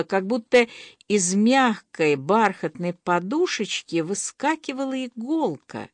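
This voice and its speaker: A woman narrating an audiobook in an expressive, storytelling manner. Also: on the high side, no echo, clean studio sound.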